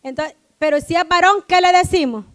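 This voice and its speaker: A woman preaching a lively church sermon, often checking in with her listeners and acting out family scenes. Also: very high voice, brisk. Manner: animated, keeps asking "right?", acts out family quotes.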